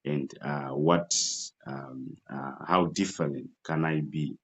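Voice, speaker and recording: A young man from Malawi speaks in an extremely low, rumbling voice. He answers interview questions haltingly and fills his pauses with many uhs and ums. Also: steady tone, slightly rough, dull audio. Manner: halting, many fillers and restarts. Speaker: entrepreneur guest.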